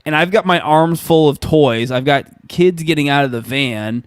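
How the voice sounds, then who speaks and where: A man's voice: fairly high pitch, normal speed, clean tone, no echo, clean studio sound. A man in his thirties co-hosting a casual podcast, telling stories with acted-out quotes and frequent laughs. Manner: animated storyteller, acts out quotes, laughs often. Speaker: podcast co-host. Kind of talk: casual chat.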